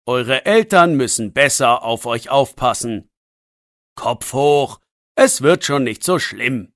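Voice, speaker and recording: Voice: lively intonation, takes it slowly, a bit bright, no room sound. Older man, hearty laugh, firm narrator-voiced, dry mic. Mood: stern. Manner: hearty booming laughter, chuckling while talking. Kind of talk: audiobook role voice.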